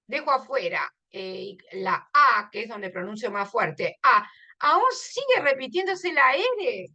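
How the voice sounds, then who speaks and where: Slow, lively teacher woman. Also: high voice, highs cut off. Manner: emphatic, checks in with listeners often. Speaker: literature teacher. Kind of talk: explaining a lesson.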